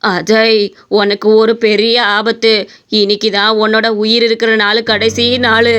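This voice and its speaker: A woman voicing a solemn male astrologer who slowly pronounces doom in an animated story. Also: a little high, smooth. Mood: ominous. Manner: slow, doom-laden pronouncements.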